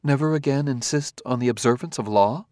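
A man's voice: mid-range voice, fairly quick, darkish tone, dry recording, studio quality, voice pushed up, close to an everyday voice. A man voicing a polite, formal male humanoid robot who speaks precisely, with no contractions.

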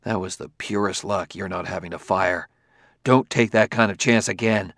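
A man voicing a weary, irritable male detective who talks curtly and forcefully. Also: low voice, fairly even intonation, normal speed, dry recording, studio quality. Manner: curt, forceful.

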